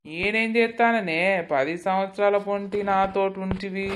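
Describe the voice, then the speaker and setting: A woman's voice: medium pitch, normal speed, slight background noise, close to an everyday voice. A woman voicing a pushy, drunk young village man, the ex-lover, in a cartoon, with a Telangana accent and a wheedling manner. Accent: Telangana Telugu. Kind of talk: cartoon voice acting.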